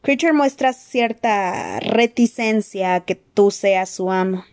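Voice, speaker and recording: A calm, courteous old wizard, as a woman reading aloud puts him on. He speaks in a measured, polite way with quiet good humor. A storybook voice close to the reader's own. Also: mid-range voice. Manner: measured, polite, gently amused. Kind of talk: audiobook character voice.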